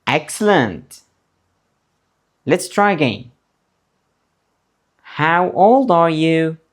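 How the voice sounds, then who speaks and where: In a slow beginner English lesson, a male teacher drills words one at a time, repeating them for learners to copy. His delivery is very slow and deliberate with long pauses. His pitch swings up and down in a lively, encouraging way.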